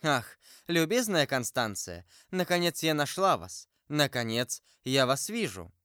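A cunning noblewoman villain speaks in a smooth, guarded voice laced with false sweetness, as a male narrator puts her on. Her tone is clear and resonant, with lively rises and falls. The audiobook recording is dry and close. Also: fairly high pitch, unhurried, no echo, full character voice. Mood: honeyed. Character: cunning scheming noblewoman, adult, deceitful villain. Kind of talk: audiobook character voice.

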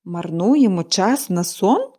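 A woman's voice: medium pitch, lively intonation, slow, mellow. Woman reading as a dry, peevish invalid. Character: bitter bedridden woman of forty. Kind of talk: audiobook character reading.

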